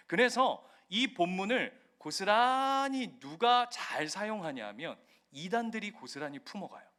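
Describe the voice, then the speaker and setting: A male pastor preaching a sermon in a church, animated and acting out scenes vividly. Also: fairly high pitch.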